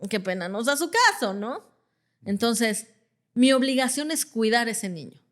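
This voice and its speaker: A woman psychologist explains things in a conversational way. Her voice sits a little high. She checks in often with short questions and acts out the parents she quotes. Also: sing-song, normal speed. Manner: explains with everyday examples, often checks with "¿no?" and "ajá". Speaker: clinical psychologist guest.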